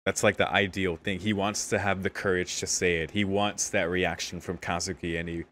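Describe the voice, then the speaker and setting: A man's voice: low voice, flat delivery, moderate pace, a bit bright, a little hiss or hum. A young man hosting a casual anime reaction, exclaiming candidly, often laughing and swearing. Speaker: anime reaction channel host.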